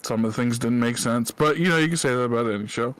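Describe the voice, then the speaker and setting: A young man hosting a casual podcast, relaxed and sarcastic, cursing freely as he reads out entertainment news. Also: medium pitch, quick pace, smooth. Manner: laid-back, swears, reads news with sarcastic asides. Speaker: podcast host. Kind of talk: casual chat.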